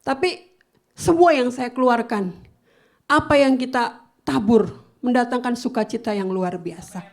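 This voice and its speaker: A woman pastor preaching a sermon, animated, swinging between loud emphasis and soft asides. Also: fairly high pitch, unhurried, long pauses. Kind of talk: sermon with personal anecdotes.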